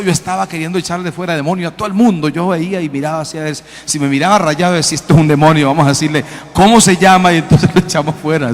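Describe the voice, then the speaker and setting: A man preaching a sermon and telling stories in a lively, animated way, acting out the voices he quotes. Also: on the high side. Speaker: pastor. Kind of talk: sermon with storytelling. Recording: long hall reverb.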